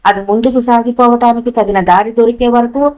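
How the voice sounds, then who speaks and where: A woman's voice: a little high, steady tone, a little fast, dark tone, natural voice. A woman voicing a male professor who leads an expedition, in an urgent, commanding manner, as an audiobook character voice. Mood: explaining.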